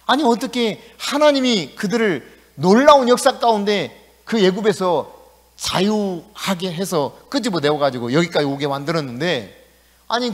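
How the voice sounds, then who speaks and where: A male pastor preaching a sermon in a lively, conversational way in a church. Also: high-pitched. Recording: echoey church hall.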